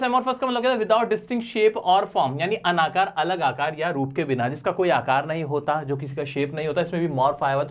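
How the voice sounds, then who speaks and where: A young man teaching vocabulary in a playful, chatty way, often asking his viewers questions. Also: sits high. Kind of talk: energetic exam-prep lesson.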